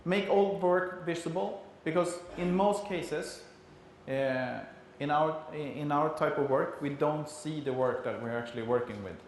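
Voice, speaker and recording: A man with a Swedish accent gives a conference talk in a fairly high voice. His delivery is halting and explanatory, and the room is very reverberant, with a faint layer of noise. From Sweden. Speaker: conference speaker. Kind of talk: conference presentation.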